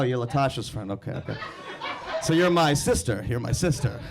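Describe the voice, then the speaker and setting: Brash young stand-up comedian, slightly high voice. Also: male voice. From India. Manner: brash, teasing, quick crowd banter. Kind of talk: stand-up comedy with crowd work. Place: comedy club stage. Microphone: handheld microphone.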